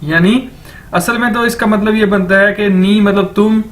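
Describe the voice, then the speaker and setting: A man teaching a recorded lecture, saying each word slowly and over and over for learners. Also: high voice, fairly even intonation, a bit bright. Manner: repeats words slowly for learners. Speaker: language teacher.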